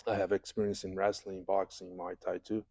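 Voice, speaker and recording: A man from Brazil speaks English, his voice low-pitched and warm. He feels his way through each answer, doubling back on words and filling pauses. The studio sound is dry and close. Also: level tone, dry recording. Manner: halting, many restarts and fillers, non-native English. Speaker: jiu-jitsu head instructor, guest. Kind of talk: interview answers. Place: podcast studio.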